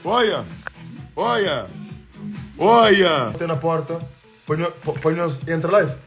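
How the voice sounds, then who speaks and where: A man's voice: on the high side, animated, slow, gravelly, a bit bright. Boastful man livestreaming from home. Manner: boastful, switches between Portuguese and French. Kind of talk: casual live stream chatter. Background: faint music.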